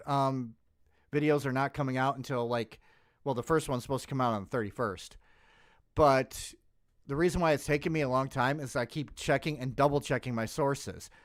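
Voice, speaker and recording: A man's voice: a little high, no room sound, studio quality. Profane, blunt male streamer ranting. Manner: blunt, profane, restarts mid-word. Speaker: streamer host. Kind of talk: casual rant reacting to a video.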